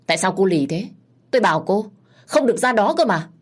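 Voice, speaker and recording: A woman's voice: lowish voice, brisk, close to an everyday voice. A woman reading a story, voicing a hot-headed, stubborn young man who talks bluntly and combatively. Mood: grumbling.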